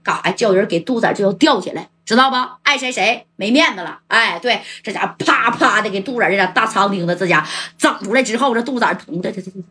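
A woman storyteller, telling a crime story in a lively, chatty way and often asking the listener rhetorical questions. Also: mid-range voice, fast, few pauses, slightly rough.

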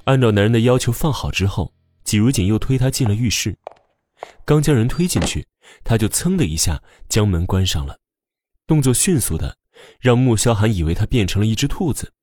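A man narrates a romance audiobook with a low, slightly husky voice. His pitch moves widely as he tells the story, giving it a lively, expressive lilt. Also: brisk, no room sound.

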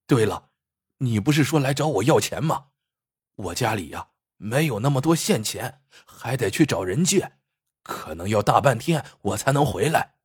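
Guy putting on a sly old trickster, calm, drawn out, low husky voice. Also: dry recording, studio quality. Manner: calm, teasing, slow.

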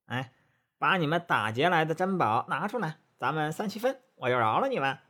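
A man voicing a cocky, quick-tempered male monkey king in a storybook tale, with a brash, mocking manner. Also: fairly high pitch, very animated, sharp tone, voice pushed up, full character voice.

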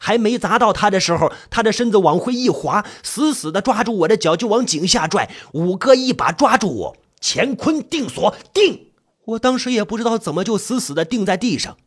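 Brief: dramatic male horror narrator, lively swooping delivery. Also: sits high, a little fast, few pauses. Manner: dramatic, shifting to panicked cries. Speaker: storyteller. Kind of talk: first-person horror story narration.

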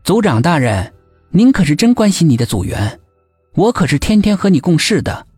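A male storyteller voicing a teasing, sharp-tongued young policewoman in an audiobook mystery. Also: fairly low pitch, sing-song, normal speed, husky, no echo, soft background music, heavily acted. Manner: teasing, sarcastic.

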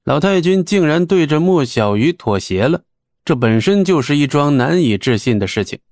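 A man narrating an audiobook in a steady, even storytelling manner. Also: a little high, normal speed, dry recording, studio quality.

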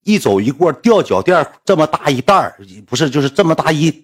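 A man's voice: a little high, very animated, fast talker. A man with a Northeastern Mandarin accent tells a rambling, colloquial story to his livestream audience. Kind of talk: casual spoken storytelling.

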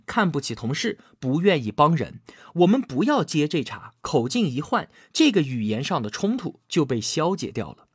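A man's voice: fairly high pitch, slightly rough, no room sound, clean studio sound. A man narrating a scripted book explanation, often drawing out filler particles and acting out quoted lines. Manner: frequent drawn-out filler particles.

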